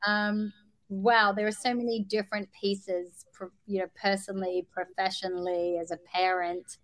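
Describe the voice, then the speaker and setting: An Australian actress talking casually in an interview, hesitant with many fillers and restarts. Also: female voice, mid-range voice, little pitch movement, moderate pace, no room sound. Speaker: actress guest.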